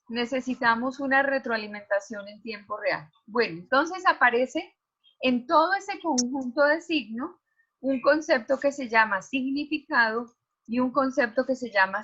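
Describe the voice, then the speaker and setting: A woman's voice: fairly high pitch, pushed and bright, dull audio. A woman teacher giving an online class lecture over a video call, explaining ideas and asking students questions.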